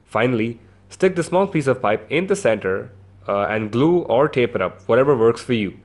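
A man's voice: medium pitch, moderate pace. Man talking into a handheld voice recorder. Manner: relaxed and chatty, with frequent "uh" fillers. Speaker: craft tutorial host. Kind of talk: casual step-by-step how-to instructions.

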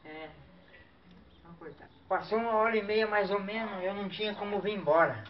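A man telling a comic story as a clown, animated and full of exaggerated exclamations and sound effects. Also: sits high, brisk. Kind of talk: comic storytelling duo routine. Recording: distant, dull mic with faint noise.

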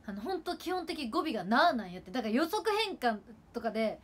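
A woman in her twenties from Kagawa, Japan, an idol livestreamer, talks fast and rambles in Kagawa dialect with plenty of fillers on a casual stream at home with her sister. Her very animated voice is a little high, a bit bright and slightly rough.

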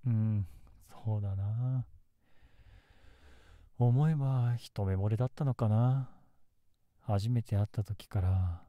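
ASMR role-play casting: male actor as tender lovelorn young man, lowish and very dark-toned, soft, intimate, dry close recording. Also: dry recording, lightly acted. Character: gentle, melancholy young man secretly in love. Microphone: close ASMR microphone in a dry space.

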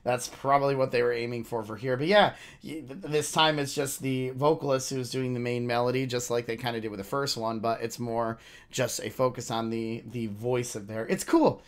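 A man's voice: mid-range voice, steady tone, moderate pace. A man streamer giving casual reaction commentary to videos, rambling and thinking aloud as he goes.

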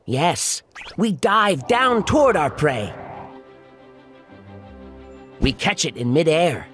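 Proud, lively cartoon falcon. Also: male voice, fairly high pitch, slow pace, soft background music, heavily acted. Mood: proud, informative. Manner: clear simple explaining for young children. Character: proud, keen peregrine falcon hunter. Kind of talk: children's educational cartoon dialogue.

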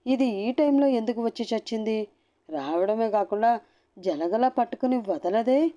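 A woman's voice: a little high, expressive, moderate pace, mellow, highs cut off, voice pushed up, lightly acted. A woman voicing a harried young husband who pleads with growing exasperation in a storybook reading. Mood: annoyed.

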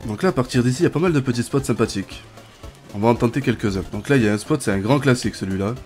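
A man's voice: mid-range voice, very fast, soft background music. A young man giving casual, chatty gameplay commentary as a gaming YouTuber. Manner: chatty, bursts into excited shouts and laughs.

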